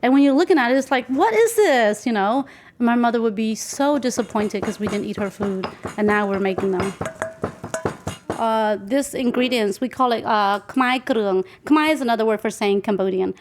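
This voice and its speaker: In a noisy, clicky kitchen field recording, a Nashville woman in her 40s tells casual stories while cooking, thoughtful and relaxed, as the interviewee. Her voice is a little high and animated, at a moderate pace.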